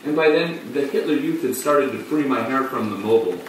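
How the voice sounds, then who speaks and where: An actor playing a flamboyant man who tells his story in a halting, breathless theatrical monologue. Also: mid-range voice, lively intonation, lightly acted. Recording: echoey room, distant mic, faint hum.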